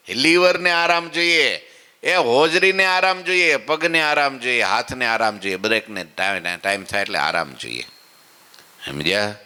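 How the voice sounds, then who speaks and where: A man preaches in a folksy, conversational way, now and then slipping into the voices of his listeners. His tone is bright and forceful. A long hall reverb trails each phrase. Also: medium pitch. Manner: folksy and conversational, acting out devotees' complaints and asking "samajya?". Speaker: swami giving morning katha. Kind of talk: devotional sermon. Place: temple hall.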